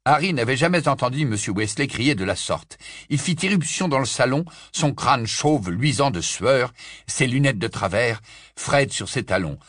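A man narrating an audiobook in a low, hushed storytelling manner. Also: expressive, normal speed, dry recording, studio quality. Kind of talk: scripted narration.

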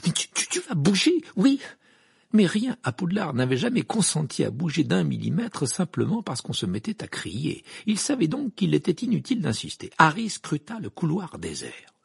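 This is a man narrating an audiobook with a very animated, swinging delivery. His voice is gravelly and deeply husky. The recording is close and completely dry. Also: moderate pace, few pauses, dry recording. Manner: expressive reading, wide pitch swings.

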